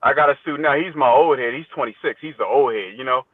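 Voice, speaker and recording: A mid-range, quick-paced voice comes from a teacher in his fifties appearing on a podcast. He talks conversationally and with humor in a casual interview, repeating his phrases often; the connection sounds thin, like a phone, without echo.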